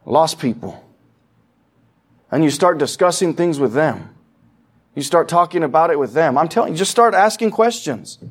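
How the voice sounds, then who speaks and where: A man's voice: a little high, animated, normal speed, long pauses, slightly rough. A man preaching a sermon in a church sanctuary, talking casually with the congregation and acting out quoted voices. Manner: conversational preaching, acts out quoted voices, asks the congregation questions. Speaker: pastor.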